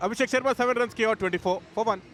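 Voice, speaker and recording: A male analyst commentates on cricket in a high voice. He slips English terms into his Telugu. There is slight outdoor noise in the background. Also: rapid-fire, a bit bright.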